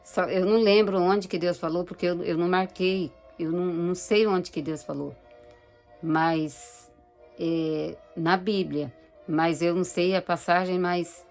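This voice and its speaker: A woman giving a personal religious testimony, speaking haltingly and searching for words. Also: on the low side, steady tone, a little mellow, soft background music. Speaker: church member giving testimony.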